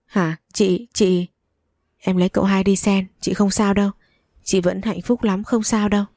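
A woman's voice: mid-range voice, fairly even intonation, moderate pace, mellow, no echo, clean studio sound, natural voice. A woman voicing a shaken young wife who speaks insistently in an audio story. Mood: dazed. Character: distraught young wife, tense and desperate.

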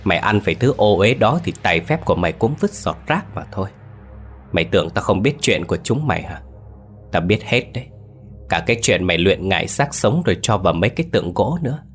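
A man's voice: low-pitched, expressive, quick pace, soft background music. A man voicing a vengeful old man who commands corpse spirits, speaking in a menacing roar. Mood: gloating. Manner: roaring, menacing.

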